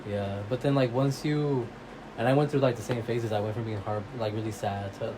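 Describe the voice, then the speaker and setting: A man's voice: medium pitch, steady tone, fairly quick. Young man co-host, teasing and laughing. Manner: laughs a lot, teasing and agreeable, chimes in with jokes. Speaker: podcast co-host. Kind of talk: casual chat. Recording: noisy background hiss.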